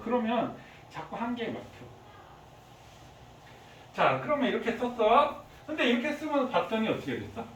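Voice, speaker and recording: A man teaching high school chemistry in a classroom, quizzing his students with frequent questions. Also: fairly bright tone. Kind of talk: classroom lecture. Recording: echoey classroom from far off, faint hiss.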